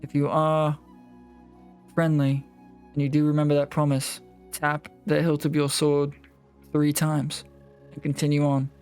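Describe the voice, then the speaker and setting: A man's voice: a little high, completely flat delivery, measured pace, pauses often, a little mellow, clean tone. A man playing a tabletop role-playing game, talking casually and directing the group. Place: online voice call. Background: background music.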